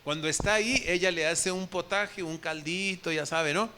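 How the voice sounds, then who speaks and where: A pastor preaches to his congregation in a high, bright tenor. He asks his listeners direct questions and voices the words of the people in his story. His tone is lively and forceful throughout the sermon. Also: moderate pace, slight background noise. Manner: addresses the congregation directly with questions, acts out quoted speech.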